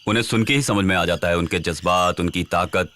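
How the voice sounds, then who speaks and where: A man's voice: sits low, a little fast, a bit bright. An actor playing a fearless man who senses ghosts by sound, curt and scolding, in a dubbed film. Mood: dismissive. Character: brave, scornful man who hunts ghosts by ear.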